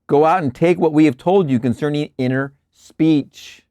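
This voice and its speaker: A man hosting a show, reading spiritual lecture passages aloud in a measured, deliberate way and breaking off for relaxed asides and quiet chuckles. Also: fairly high pitch, smooth, dry recording, clean studio sound. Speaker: host reading and explaining lectures. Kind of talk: reading aloud with casual commentary.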